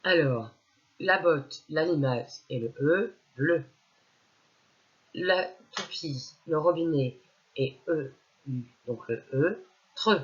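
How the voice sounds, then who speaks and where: A woman's voice: deep voice, slow, long pauses, lo-fi sound. A woman teacher giving a reading lesson to young children, patiently sounding out syllables one by one.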